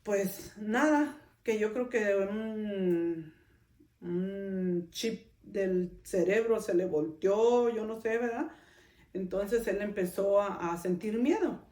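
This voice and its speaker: A woman's voice: medium pitch, slow pace, dark tone. Woman, middle-aged, conversational storytelling, distant mic, echoey room. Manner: conversational, often adds a questioning tag to her sentences. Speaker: podcast host. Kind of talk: personal storytelling. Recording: roomy sound, speaker off-mic.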